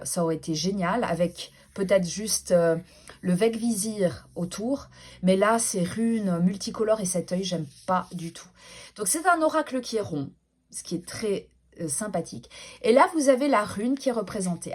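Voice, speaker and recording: A woman's voice: mid-range voice, a little mellow. A woman, chatting casually as she presents her collection in a vlog, with frequent hesitations and self-corrections. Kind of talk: casual show-and-tell vlog.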